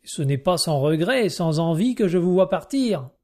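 A man voicing Serge, earnest Russian gentleman. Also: sits high, lively intonation, moderate pace. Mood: reserved. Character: Monsieur Serge, reserved Russian gentleman traveller.

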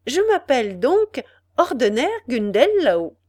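A woman voicing a shy, joyful young noblewoman in a higher, excited voice in a storybook reading. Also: takes it slowly, no echo, clean studio sound, full character voice.

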